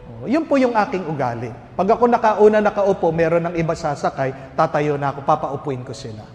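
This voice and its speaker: A priest with a Filipino accent preaching at a recollection, telling a humorous story full of rhetorical questions. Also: male voice, a little high. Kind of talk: sermon at a recollection. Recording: hall reverb with faint music.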